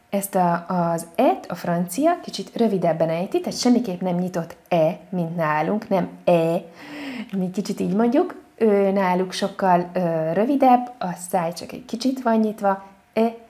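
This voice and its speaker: A woman French teacher giving an online lesson, patient and repeating each example word slowly. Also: mid-range voice, lively intonation, mellow.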